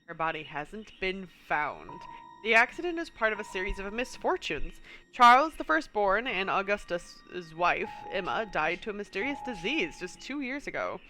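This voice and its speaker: Her medium-pitched voice swings widely in pitch at normal speed, with a sharp tone. She's streaming a puzzle game with a stuffy nose, casually musing aloud, reading in-game text, and chuckling often.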